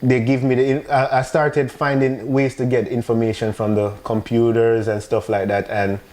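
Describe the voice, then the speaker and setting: Mellow Jamaican-accented man telling his story. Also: medium pitch, level tone, normal speed. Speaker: podcast guest. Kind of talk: casual personal storytelling.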